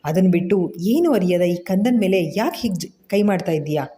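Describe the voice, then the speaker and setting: A woman's voice: fairly low pitch, animated, moderate pace, warm tone, slight background noise, natural voice. Woman voicing an earnest young husband. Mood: reproachful.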